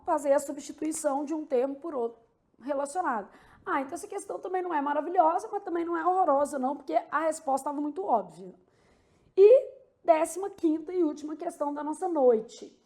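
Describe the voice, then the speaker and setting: High-voiced Brazilian woman teaching grammar. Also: a little mellow. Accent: Brazilian Portuguese. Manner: explains step by step with frequent "tá?" and "né?" checks. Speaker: Portuguese teacher. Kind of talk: online exam-prep lesson.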